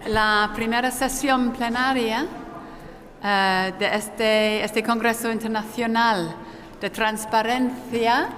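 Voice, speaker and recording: A woman's voice: fairly high pitch, fairly even intonation, slow pace, fairly bright tone. A woman with a non-native Spanish accent moderating a conference panel, hesitant and often correcting herself, her voice echoing through a hall like in a cathedral. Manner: hesitant delivery with frequent self-corrections. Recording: echoey hall with long cathedral-like reverb.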